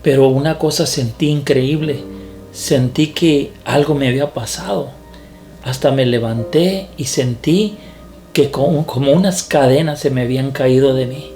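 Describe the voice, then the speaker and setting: A man, a preacher, telling his testimony in a sermon in an earnest, halting way that repeats words. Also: mid-range voice, warm tone, soft background music.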